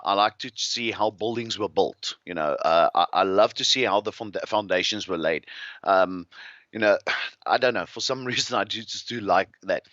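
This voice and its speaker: Bright-voiced South African man telling stories. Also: lowish voice, no room sound, lo-fi sound. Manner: restless, rambling anecdotal storyteller. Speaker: guest, farmer. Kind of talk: casual interview storytelling.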